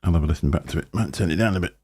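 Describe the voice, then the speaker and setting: Talking at a racing clip, this man hosts a laid-back live stream and drifts between topics, his deep, booming voice picked up by a desk mic routed through a mixer. There's a slightly mellow quality with a breathy edge, and he rambles and chats while chuckling to himself.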